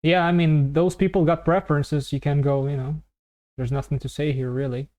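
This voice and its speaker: A man from Ukraine hosting and commentating a fighting-game tournament stream, relaxed and chatty. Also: a little high, moderate pace. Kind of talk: casual esports commentary.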